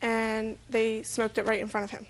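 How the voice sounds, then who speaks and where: A woman's voice: on the high side, completely flat delivery, normal speed, poor audio. A woman plaintiff giving brief, plain, matter-of-fact answers in a television court.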